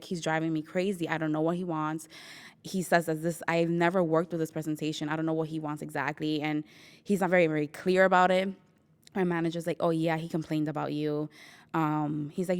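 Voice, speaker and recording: A woman's voice: deep voice, gravelly, clean tone. A young woman in her twenties from New York, chatting through a personal story, quoting herself and laughing often. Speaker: interviewee sharing her story.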